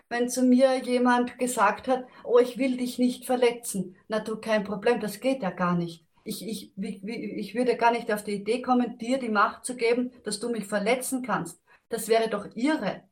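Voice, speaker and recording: A woman speaks in a calm, reflective way about emotions and letting go, her voice sitting a little high. She thinks aloud and sometimes restarts a phrase. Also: normal speed. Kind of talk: calm talk on self-help and letting go.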